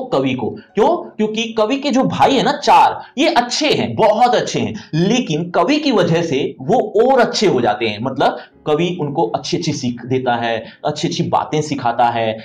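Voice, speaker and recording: Lively man explaining a Hindi poem. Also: a little high. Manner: explains each line slowly, repeating meanings with simple glosses; asks and answers his own questions. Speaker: Hindi teacher. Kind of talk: poetry lesson explanation.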